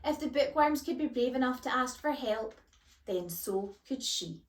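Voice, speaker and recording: Woman storyteller, children's chapter book, higher voice, roomy echo. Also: moderate pace. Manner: clear, expressive storytelling.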